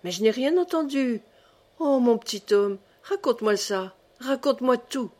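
A woman reading the part of a scheming older wife giddy with triumph, in an excited, exclaiming way, for an audiobook. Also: fairly high pitch, normal speed, natural voice. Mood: eager.

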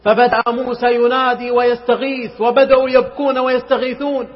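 A man's voice: very high-pitched, fairly even intonation, fairly quick, slightly rough. A man preaching an emotional sermon, telling a story dramatically and pleading with passion, sometimes chanting verses melodically, on a muffled recording. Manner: dramatic, rises to impassioned pleading. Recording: muffled recording with long hall reverb.

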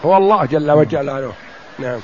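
A man teaches from a religious text with a fairly high voice, slowing to repeat and stress key words. The recording sounds dull and lo-fi. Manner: explains slowly, repeats phrases and says "yes" to cue the reader. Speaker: sheikh explaining a text. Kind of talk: religious lesson commentary.

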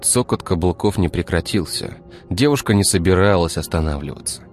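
A man narrating an audiobook in a measured, even storytelling manner. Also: sits low, soft background music.

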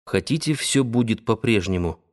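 A man reading the lines of a confident wealthy financier, speaking softly and persuasively. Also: fairly low pitch, lively intonation, normal speed, close to an everyday voice. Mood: coaxing. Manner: soft, gently persuasive. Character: confident wealthy male financier, tender and coaxing.

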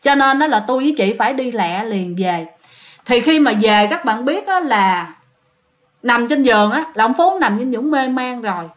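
A woman's voice: a little high, expressive, moderate pace. A woman with a Southern Vietnamese accent telling a ghost story, chatty and talking straight to her listeners. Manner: chatty, addressing listeners directly.

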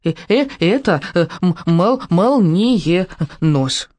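A woman's voice: lowish voice, animated, slow, darkish tone. A woman voicing a small, timid dragon who stammers and hesitates. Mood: nervous.

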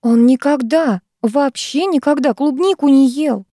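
A woman's voice: high-pitched, dark tone, dry recording, clean studio sound, voice pushed up. A woman narrator voicing a distraught young woman who pleads and sobs in frantic outbursts. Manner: rushed, pleading, sobbing outbursts.

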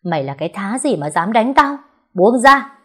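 A woman voicing a spoiled, hot-tempered young woman who yells and whines in a shrill voice in an audio story. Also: moderate pace, lightly acted. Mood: furious. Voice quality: shrill, shouting. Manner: yelling and whining.

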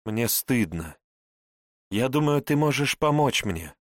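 A man's voice: medium pitch, sing-song, slow pace, no echo, clean studio sound, pitched above the performer's own voice. A man voicing a tormented young witch woman who begs desperately for help, read in an audiobook. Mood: desperate pleading. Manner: desperate, begging.

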